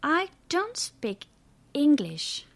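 A woman voicing a bossy young French girl who bosses her brother and stumbles through halting English. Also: fairly high pitch, darkish tone. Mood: hesitant, pleading. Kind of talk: audiobook character voice.

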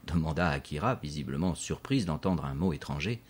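A man narrating a storybook in a measured, scripted audiobook delivery. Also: very deep voice, lively intonation, breathy edge.

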